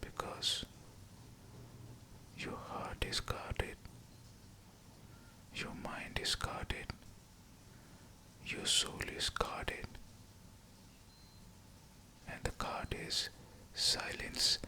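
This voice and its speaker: A man whispering a scripted pep talk of affirmations, in short, deliberate phrases. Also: sharp tone. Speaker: guided affirmation narrator.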